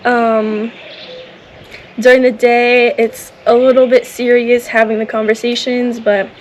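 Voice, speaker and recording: Speaking to camera in a casual vlog, a woman whose first language is English gushes about a volunteer program, repeating "awesome" in an upbeat, enthusiastic way. Her voice is on the high side with little pitch movement, a little slow, and slight hiss or hum accompanies it.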